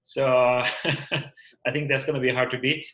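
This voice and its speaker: A man's voice: mid-range voice, flat delivery, a little slow, a bit bright, poor audio. Hesitant man on a call. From Norway. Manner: hesitant, many fillers and restarts. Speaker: meeting participant introducing himself. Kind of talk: casual self-introduction on a video call. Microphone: video call.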